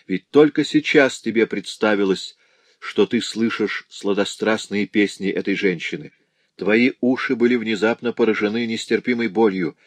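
A man reading an audiobook, voicing a grim, stern male companion who gives low, gloomy warnings. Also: moderate pace, no room sound, natural voice. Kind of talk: audiobook character voice.

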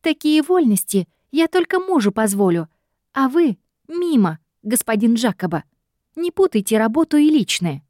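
A woman voicing a feisty young female secretary who protests in shrill outbursts. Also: sing-song, moderate pace, a little mellow, no echo, clean studio sound. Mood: protesting.

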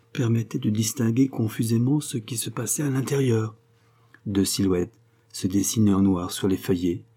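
Male reader for a classic novel; measured and expressive, low and husky. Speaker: audiobook narrator. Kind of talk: literary audiobook narration.

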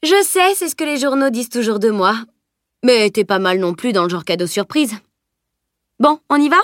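A woman reading a cheeky, boastful teenage boy in an audiobook, with lively, playful delivery. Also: fairly high pitch, normal speed, no room sound, clean studio sound, voice pushed up.

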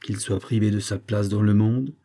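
A man's voice: on the low side, fairly even intonation, moderate pace, dark tone, close to an everyday voice. Man voicing a weary, spiteful lady. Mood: impatient. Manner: weary, sardonic, impatient. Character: bored, spiteful married woman with a cruel streak.

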